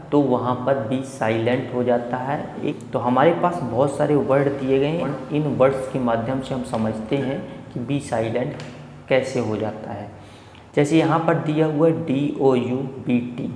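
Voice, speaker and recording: An Indian man gives a classroom-style English lesson at an ordinary middle pitch. He repeats words patiently to drill them in. The room rings with reverb, and faint ambient noise hums underneath. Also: a little mellow. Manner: repeats each word slowly to drill pronunciation. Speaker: English teacher.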